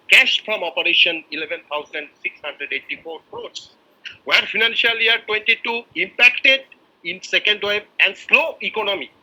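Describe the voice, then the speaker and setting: A man from India speaks as a shareholder at a company meeting, reading a formal and effusive prepared address over a video call. His voice sits high and sounds very bright and forceful. He pauses on fillers and often restarts his phrases. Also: poor audio.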